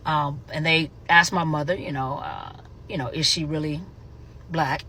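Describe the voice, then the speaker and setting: A middle-aged woman raised in Germany hosts her own show, chatting casually in vlog style and rambling with many fillers and self-corrections. Her voice sits low, steady in tone and at a normal speed, sounding pushed and bright, with a little hiss or hum.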